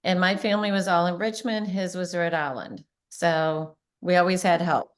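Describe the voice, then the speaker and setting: A middle-aged woman hosts a relaxed conversation in an upbeat voice. She laughs easily and slips into playful quoted asides as she tells stories. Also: lowish voice, normal speed. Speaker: host, real estate agent. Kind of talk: casual chat.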